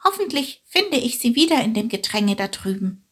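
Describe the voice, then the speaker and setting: A woman's voice: fairly high pitch, big pitch swings, normal speed, a bit bright, husky, pitched above the performer's own voice, full character voice. Woman doing an eager young sparrow boy. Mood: curious. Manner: eager, wondering questions. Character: curious young male sparrow, easily startled. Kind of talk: storybook reading.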